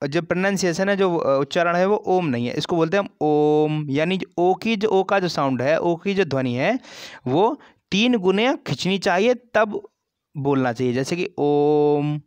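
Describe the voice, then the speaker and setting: A man teaching a grammar lesson for an exam, explaining slowly, repeating terms and stretching sounds as examples. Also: sits high, expressive, no room sound. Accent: Hindi.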